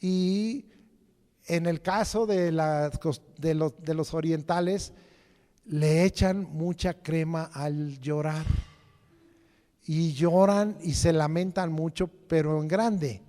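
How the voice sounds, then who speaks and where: A man preaches slowly to his congregation, his voice a little high yet dark and mellow. He leans on rhetorical questions and repeats his phrases. The church hall around him leaves a long echo. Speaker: lay preacher. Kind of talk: sermon. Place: church during Sunday service.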